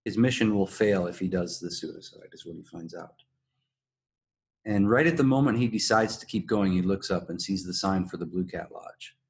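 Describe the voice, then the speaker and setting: Low-voiced man talking through a story. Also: moderate pace. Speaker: podcast co-host. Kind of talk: casual analytical discussion of a TV drama.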